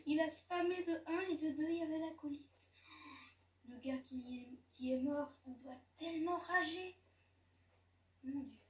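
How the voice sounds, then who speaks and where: A woman's voice: high voice, unhurried, dull audio. A woman giving casual, chatty commentary over her gameplay, often giggling and correcting herself. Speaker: gaming YouTuber. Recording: echoey room, distant mic, faint noise.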